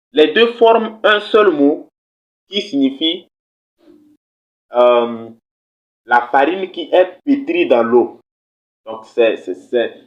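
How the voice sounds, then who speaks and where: A man teaching a language lesson on video, speaking patiently, repeating words and checking that viewers follow. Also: medium pitch. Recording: slightly dull, lo-fi recording.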